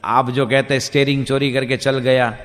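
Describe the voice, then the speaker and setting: A man's voice: medium pitch, little pitch movement, fairly quick, a bit bright, big-room sound, close to an everyday voice. A man voicing a blunt, matter-of-fact police constable in a comic story. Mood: baffled.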